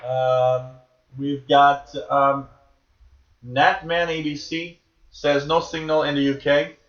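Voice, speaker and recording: A man's voice: on the high side, level tone, takes it slowly, background noise. A man hosting a live shortwave tuning stream, talking casually and musingly as he relays listeners' signal reports. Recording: dull, echoey room sound.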